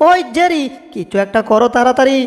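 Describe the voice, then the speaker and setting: A woman's voice: high voice, expressive, brisk. Tom, a woman doing a whiny bumbling cartoon cat. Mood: fretful. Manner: whiny, fretful, cries out in alarm. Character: soft-hearted bumbling male cartoon cat. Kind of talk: homemade cartoon dub. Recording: long reverb, echoey room.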